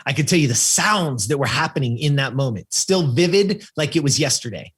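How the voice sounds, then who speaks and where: A Californian man in his fifties, guesting on a podcast, tells a personal story with emphatic repetition. He's an animated storyteller who acts out the people he quotes, speaking fairly quickly in a fairly high, husky voice.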